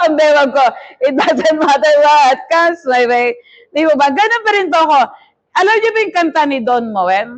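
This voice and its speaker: A middle-aged woman bishop preaching a testimony sermon, telling her story with lively acted-out quotes. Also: high-pitched. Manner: animated storytelling that mixes Tagalog and English, with acted-out quotes.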